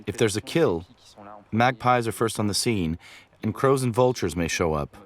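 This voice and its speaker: A man's voice: lowish voice, lively intonation, normal speed. A man giving explanatory commentary as a wildlife photographer in a nature documentary.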